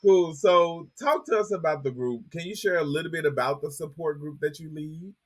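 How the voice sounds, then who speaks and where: A man's voice: on the high side, normal speed. Upbeat guy hosting a podcast, reads the intro then asks questions, welcoming. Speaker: podcast host. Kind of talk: interview hosting.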